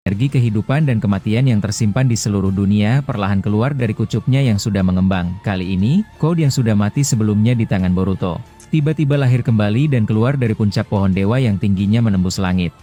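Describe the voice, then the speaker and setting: A man with a low, dark voice narrates a scripted anime fan story. Faint music plays behind his mellow storytelling. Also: fast.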